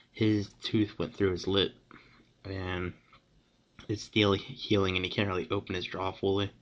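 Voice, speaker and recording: A teenage boy vlogger telling a story to camera in a rambling, excited way, with many restarts and fillers. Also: low-pitched, creaky, dull audio.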